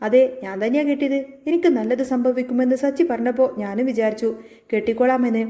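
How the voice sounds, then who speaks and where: A woman voicing a gruff, short-tempered older father in her own voice. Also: fairly high pitch, fairly even intonation, fast talker, mellow, lightly acted. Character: irritable older father, head of family.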